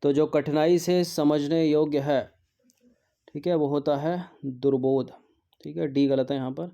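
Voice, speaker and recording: Man, teacher, exam practice lesson, very dark tone, slightly high pitch, repeats words. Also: level tone, unhurried, vocal fry. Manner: repeats words to drill spelling; mixes in English words.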